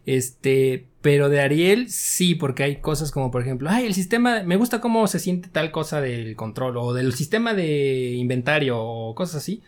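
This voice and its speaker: A man's voice: medium pitch, normal speed, hardly any pauses. A man with a Mexican Spanish accent, a game developer talking casually and laughing easily in an interview. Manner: relaxed, chatty, frequent fillers and laughs.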